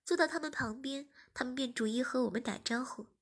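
A woman reading a story aloud in soft, even scripted narration. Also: high voice, brisk. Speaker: story reader.

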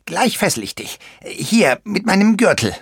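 Käpt'n Sharky, a man's high bossy little pirate. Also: very animated, moderate pace, gravelly, breathy edge, no room sound, studio quality, exaggerated voice. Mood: boastful. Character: small boastful male pirate captain, childish and bossy. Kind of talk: audiobook character voice.

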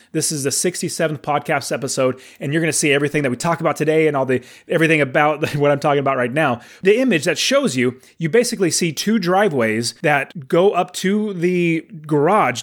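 A man of forty hosting his podcast, talking in an enthusiastic, encouraging way, with some fillers and restarts. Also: on the high side. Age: 40s. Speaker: podcast host. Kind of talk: upbeat podcast monologue.

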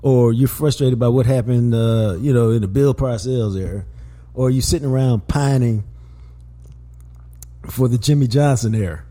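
A man with a drawl hosts a sports podcast, his voice warm and relaxed in tone. He talks in a loose, slangy way, hammering points home by repeating words. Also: medium pitch, moderate pace. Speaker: podcast host. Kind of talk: casual sports talk.

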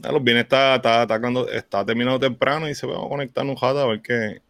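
A man's voice: mid-range voice, steady tone, fast talker, fairly bright tone, dry recording, clean studio sound. A man with a Puerto Rican accent co-hosting a casual livestream chat, laid-back with short replies. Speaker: podcast co-host.

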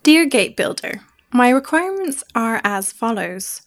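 Woman reading out a formal letter, measured, higher voice. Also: big pitch swings. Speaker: writing group member.

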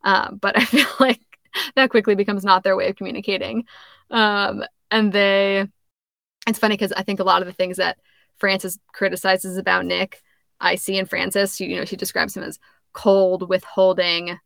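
Chatty young woman, gravelly edge. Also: mid-range voice, little pitch movement, moderate pace, fairly bright tone, dry recording, clean studio sound. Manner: chatty, many "like" fillers, laughs often. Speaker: podcast co-host. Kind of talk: casual book discussion.

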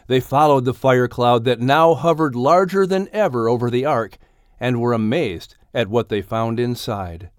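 This storybook narration comes from a man in audiobook style, his pitch rising and falling expressively with each phrase. The sound is completely dry, with no echo and no trace of the room.

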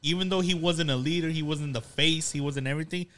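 A man's voice: on the high side, fast talker, fairly bright tone, slight background noise. A man in casual sports chat who makes his point with an example. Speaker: co-host.

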